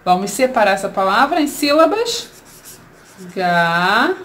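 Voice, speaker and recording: Woman, Brazilian Portuguese accent, teacher, slow and deliberate, rhetorical questions. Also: a little high, big pitch swings, a little hiss or hum. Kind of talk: children's grammar lesson.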